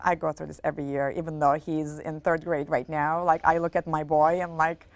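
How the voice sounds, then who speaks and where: A middle-aged woman hosting a casual talk show, chatting with frequent fillers and soft laughs. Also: low voice, level tone, a little fast, no room sound. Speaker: host. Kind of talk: casual chat.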